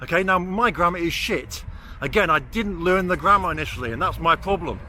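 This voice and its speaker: With a slightly high voice, lively intonation, and a fairly quick, pushed, bright delivery, a man of forty chats through a casual walk-and-talk vlog on city streets. He's blunt and self-deprecating, swears easily, and can't roll or clearly pronounce R. City traffic noise is present.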